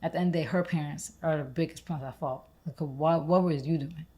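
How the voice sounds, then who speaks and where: A young woman co-hosts a podcast in a loose, rambling conversational style. Her voice sits low and sounds soft and mellow rather than bright. She strings her thoughts together with frequent "like"s. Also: fairly even intonation, a little fast, slightly rough. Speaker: podcast co-host. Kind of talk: casual conversational chat.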